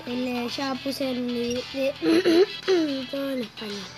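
Young woman, Rosario Argentine accent, rambling gameplay chatter, offhand swearing, slight cough, fairly high voice, loud game music behind. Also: slow pace, low-quality recording. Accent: Argentine Spanish, Rosario. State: slight cough, just woke up. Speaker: gameplay streamer. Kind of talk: casual gameplay commentary. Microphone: phone recording app.

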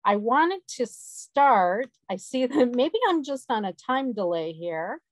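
A woman moderating an online session, presenting slides briskly with casual fillers over a video call. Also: on the high side, lively intonation, no room sound. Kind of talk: webinar presentation.

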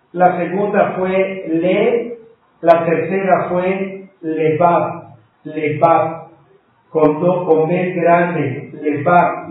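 A man with a somewhat high voice leads a live-streamed Bible class, slowly and deliberately spelling out each word letter by letter and patiently calling his listeners brothers. He is recorded from far off the mic in a very echoey room, and the sound is thin and phone-like.

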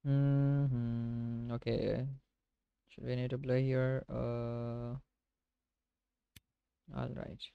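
Slow, gravelly Pakistani man streaming games. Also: mid-range voice, little pitch movement, phone-quality sound, slight background noise. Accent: Pakistani Urdu. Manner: casual, chatty, mixes in English phrases. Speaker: game streamer. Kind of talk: live gameplay commentary.

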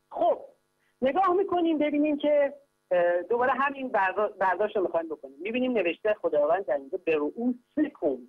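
A man calling in to teach a religious text lesson, explaining grammar patiently and step by step, repeatedly urging listeners to pay close attention. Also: high-pitched. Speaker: caller teaching Quran grammar. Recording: tinny phone line with hum.

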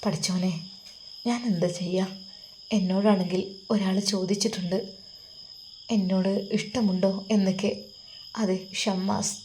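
A woman voicing a worried young woman who talks quietly and hesitantly, close to tears. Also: fairly high pitch, slight background noise, lightly acted.

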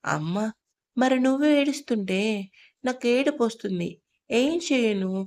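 A woman's voice: a little high, expressive, unhurried, darkish tone. A woman voicing a sweet, curious little girl. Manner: questioning, childlike.

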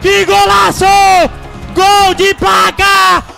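A man doing explosive live football goal commentary, shouting with drawn-out cries. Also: very high-pitched, monotone, creaky, faint music behind. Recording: crowd and ambient noise behind. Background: stadium crowd noise.

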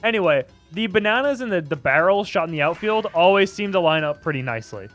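A young man doing casual play-by-play commentary on a video game match, chatty and quick to get excited by big plays. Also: high voice, soft background music.

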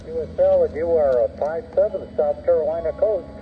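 A man's voice: a little high, a little fast. A man, an amateur radio operator, trading brief clipped call signs over a fading shortwave radio. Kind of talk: brief radio contact exchange. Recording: tinny, static-filled shortwave radio.

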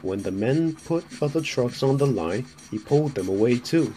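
A man's voice: medium pitch, animated, moderate pace, dark tone, slight background noise. Man reading a storybook aloud. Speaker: narrator. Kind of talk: storybook narration.

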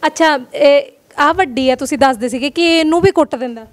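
A woman with a Punjabi accent interviews a family in a casual chat, her voice high and her questions coming fast. She teases a small boy with short, playful prompts. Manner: quick, teasing questions to a child.

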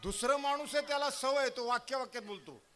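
High, bright-voiced male comedian. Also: fairly quick. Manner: loud, punchy, animated storytelling. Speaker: stand-up comedian. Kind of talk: live stand-up comedy. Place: stage before a live audience.

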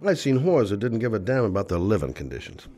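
A man's voice: on the low side, sing-song, fast talker, music in the background. An actor playing a coarse, matter-of-fact man in a video game. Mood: blunt. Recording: game audio with clear background noise.

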